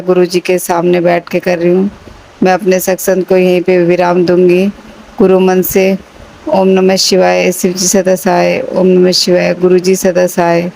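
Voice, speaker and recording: A woman in her thirties, a health coach, giving a devotional testimony in a slow, matter-of-fact way. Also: fairly low pitch, vocal fry, a little mellow, low-quality recording.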